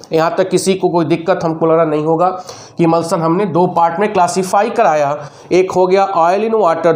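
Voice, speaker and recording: A male chemistry teacher giving a lecture, speaking loudly and quizzing students with repeated questions while dictating terms slowly. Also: high-pitched. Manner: speaks loudly over nearby noise. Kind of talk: classroom lecture.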